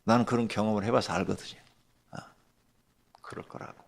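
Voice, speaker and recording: A pastor giving a dawn sermon, telling a story in a lively way that swings from hushed asides to loud bursts. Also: male voice, fairly low pitch, brisk, creaky. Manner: animated, swings from hushed to shouting.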